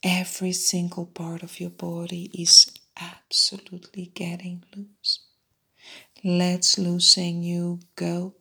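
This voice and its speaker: A woman guiding a hypnosis meditation in a soft unvoiced whisper, repeating soothing suggestions. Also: lowish voice, creaky, slightly rough. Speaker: meditation guide.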